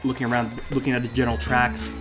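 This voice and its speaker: A man hosting as dungeon master, narrating a tabletop game casually in halting, improvised phrases. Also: mid-range voice, flat delivery, music in the background.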